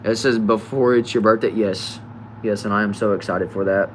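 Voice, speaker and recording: A young guy in his late teens, chatting casually on a live stream as he answers comments one by one. His voice sits a little low, and his sentences often drop off softly at the end. A faint hum of air conditioning hangs in the background. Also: moderate pace. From United States. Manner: relaxed, chatty, trails off quietly at line ends. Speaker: livestreamer.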